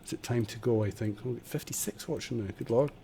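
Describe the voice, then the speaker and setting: Brisk and gravelly, this man's mid-range voice is warm and husky. He streams a building game at home on a desk condenser microphone, chatting casually, muttering while he builds and putting himself down in relaxed tutorial commentary.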